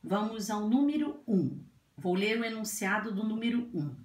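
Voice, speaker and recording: A woman teacher going through a grammar worksheet for young children, speaking slowly and gently and drawing out each word. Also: mid-range voice, lively intonation. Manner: slow, drawn-out, gentle teacher talk with diminutives. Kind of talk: slow grammar lesson for children. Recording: echoey room.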